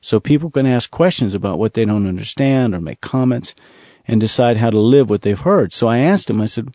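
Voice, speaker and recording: Male ministry speaker, earnest storyteller, mellow voice, dry close recording. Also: mid-range voice, lively intonation, no room sound. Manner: earnest, repetitive storytelling with slow emphasis. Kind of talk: storytelling testimony.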